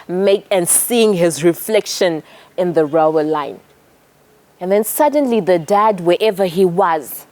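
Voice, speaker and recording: A woman with a Zimbabwean accent telling a story to children, expressive and talking directly to them. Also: on the low side, no room sound. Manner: expressive, speaks directly to the kids.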